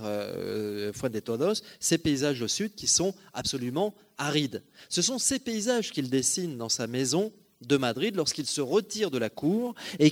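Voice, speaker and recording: A man's voice: medium pitch, darkish tone. A man giving a slide lecture on art history, talking in a digressive way with frequent hesitations and self-corrections, often turning to the audience to check they follow. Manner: addresses audience directly, checking understanding.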